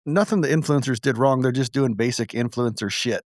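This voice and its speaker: A man's voice: medium pitch, fairly quick, no echo, studio quality. A man hosting a casual podcast, talking loosely and profanely, rambling with restarts. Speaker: podcast host.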